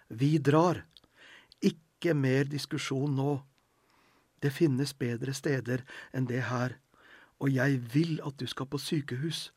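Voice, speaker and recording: A man voicing a determined, protective thirteen-year-old boy who speaks firmly and insists, with a husky voice. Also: medium pitch, dry recording, studio quality, natural voice. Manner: firm, insistent.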